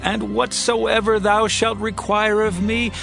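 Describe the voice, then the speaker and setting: A man's voice: high voice, level tone, slow pace, gravelly, music in the background, exaggerated voice. An actor playing a commanding king of Israel in a dramatized Bible audiobook, declaiming in archaic scriptural phrasing. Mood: magnanimous. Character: commanding king of Israel, stern yet magnanimous.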